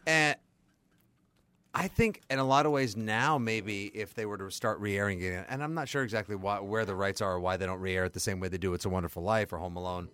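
A man co-hosting a casual podcast chat, animated and profane, with quick asides. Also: lowish voice, clean tone, dry recording. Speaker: podcast co-host.

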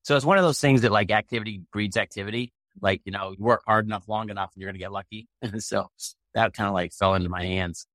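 A middle-aged American man from Maine, a tech entrepreneur, tells his story casually as an interview guest, blunt and colloquial. His lowish voice is fairly bright, holds a steady tone, and moves fast. There's no room sound.

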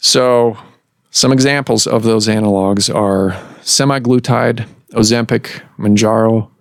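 A low-pitched man hosts a medical podcast and explains things slowly, with frequent pauses and restarts. The sound is dry and close, as if recorded on a podcast mic in an office. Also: steady tone, no room sound. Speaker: podcast host and surgeon.

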